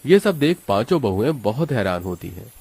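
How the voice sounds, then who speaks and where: A man narrating a cartoon story in a steady, explanatory storytelling manner. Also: mid-range voice, moderate pace, slightly rough, dry recording.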